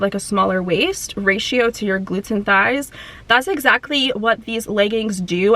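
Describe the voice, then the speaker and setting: Faint music plays under this gym vlog, where a young woman with a mid-range, sharp-toned voice chats casually. Slightly winded from her workout, the fitness vlogger stays upbeat and addresses her viewers directly.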